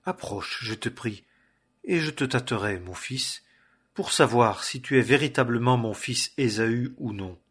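A man reading aloud the part of an elderly patriarch father, in a husky voice. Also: mid-range voice, lively intonation, unhurried, a bit bright. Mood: questioning.

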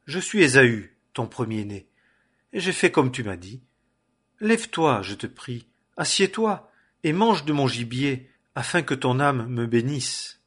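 A man reading aloud the part of an anxious younger son, in a husky voice. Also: medium pitch, sing-song, a little slow, a bit bright, heavily acted. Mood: pretending.

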